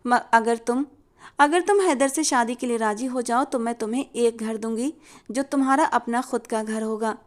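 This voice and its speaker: A woman voicing an aging, wealthy matriarch who speaks in a slow, measured, persuasive way. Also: a little high, natural voice.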